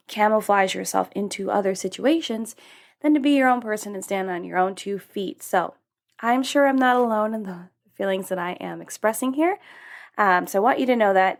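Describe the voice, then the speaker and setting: A woman hosting a self-help podcast, talking candidly in a casual, rambling way with fillers and self-corrections. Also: mid-range voice. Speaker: podcast host.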